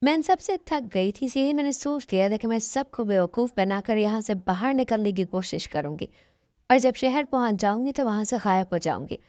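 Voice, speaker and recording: A woman's voice: medium pitch, lively intonation, mellow, no echo. A woman narrating a first-person story in an earnest, plaintive way. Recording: dull lo-fi dry recording.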